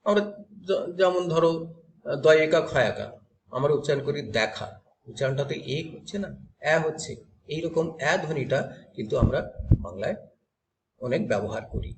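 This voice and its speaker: A man's voice: on the high side, brisk, pauses often, a little hiss or hum. A man teaching a grammar class to students. He explains step by step and asks questions that he then answers himself.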